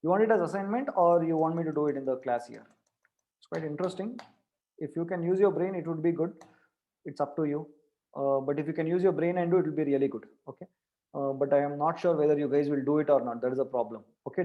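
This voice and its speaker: A man's voice: a little high, muffled recording. Man teaching a live online class. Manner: repeats questions, pushes students to answer. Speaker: programming teacher.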